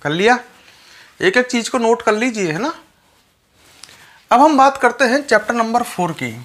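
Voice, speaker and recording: A man's voice: very high voice, lively intonation, normal speed, a bit bright. A male chemistry teacher lecturing students, repeating each point and speaking to them directly. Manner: repetitive, instructive, addresses students directly. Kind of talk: classroom lecture.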